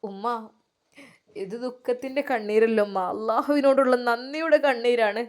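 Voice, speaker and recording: A woman voicing a gentle, pious middle-aged male religious teacher who speaks softly and prayerfully. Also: a little high, steady tone, normal speed, natural voice. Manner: soft, prayerful.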